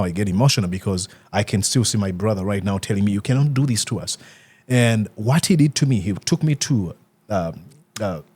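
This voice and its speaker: A young man from Uganda, an author answering interview questions in an earnest, halting way with many fillers and restarts. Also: on the low side, darkish tone, husky.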